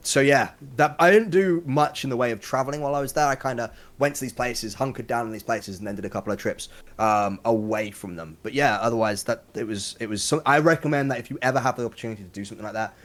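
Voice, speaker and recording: A young British man, a guest on a podcast stream, telling relaxed stories with plenty of fillers. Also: mid-range voice, fast. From United Kingdom. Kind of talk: casual chat.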